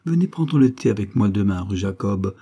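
A man's voice: lowish voice, expressive, moderate pace, dark tone, breathy edge, highs cut off. A man voicing a poised, ironic young foreign woman who teases her suitor. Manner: mocking, poised, teasing.

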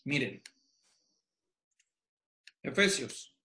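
A man's voice: medium pitch, sing-song, very slow, pushed and bright, echoey room, a little hiss or hum. A man teaching a Bible study lecture, explaining step by step and quizzing the audience he is speaking to.

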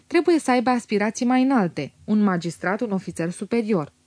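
A woman's voice: medium pitch, lively intonation, darkish tone, no room sound, close to an everyday voice. Olimpia, a languidly malicious woman, read by a woman. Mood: disdainful. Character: cold, disdainful married woman, soft malice.

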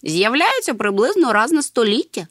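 Woman as a relaxed creature wanderer, reassuring, husky, dry audiobook sound. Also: fairly high pitch, moderate pace, dry recording, pitched above the performer's own voice. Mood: calm. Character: calm wandering male creature, gentle.

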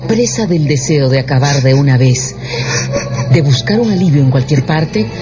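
Acting as the storyteller of a radio drama, a man delivers scripted, dramatic narration at a moderate pace. His fairly high voice is animated, and the dull-sounding radio production has music running underneath.

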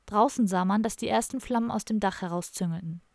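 A woman's voice: medium pitch, quick pace, gravelly, darkish tone, dry recording. A woman narrating a comic audiobook in a dry, matter-of-fact storytelling manner, recorded close on a studio mic.

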